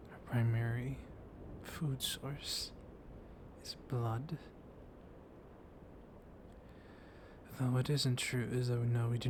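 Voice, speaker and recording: Thunder and steady ambient storm noise sit behind a man playing a centuries-old vampire librarian, civil and softly dominant, in an intimate one-sided ASMR roleplay. Calm and explaining, he stays hushed and breathy, often whispering and teasing with soft chuckles, his medium-pitched voice only lightly acted.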